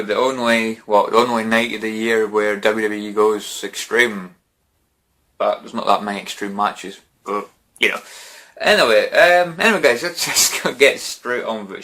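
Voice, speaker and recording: Rambling man with a bright voice. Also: lowish voice, normal speed. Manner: rambling, many fillers and restarts. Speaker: wrestling fan vlogger. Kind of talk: casual prediction chat.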